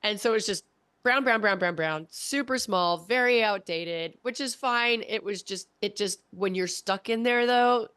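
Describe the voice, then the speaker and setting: Woman, 40s, animated interview guest recounting her story, recorded dry. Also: mid-range voice, moderate pace, smooth, no echo. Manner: animated, acts out her own past voice in quotes. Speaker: podcast guest.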